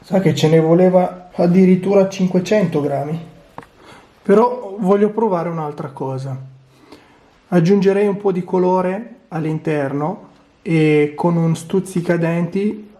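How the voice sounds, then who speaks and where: A man's voice: a little high, dark tone, roomy sound. A man giving casual, hands-on commentary as host of a craft tutorial.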